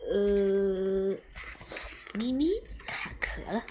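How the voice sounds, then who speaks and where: Expressive woman reading a children's story. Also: medium pitch, slight background noise. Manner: expressive, unhurried read-aloud.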